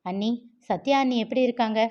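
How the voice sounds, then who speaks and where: A woman's voice: on the high side, fairly quick, darkish tone, close to an everyday voice. A woman voicing an anxious young brother-in-law in a read-aloud novel, asking worried questions, on a slightly dull recording.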